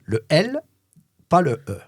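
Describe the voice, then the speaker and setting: A middle-aged voice-over man spinning a tale with theatrical flair, his voice swinging widely in pitch. The tone is slightly husky, close-miked and dry, with no room sound. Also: slow pace, no echo. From France. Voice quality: expressive, theatrical storyteller. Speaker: voice-over artist telling his story as a guest. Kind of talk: animated anecdote-telling, acting out dialogue.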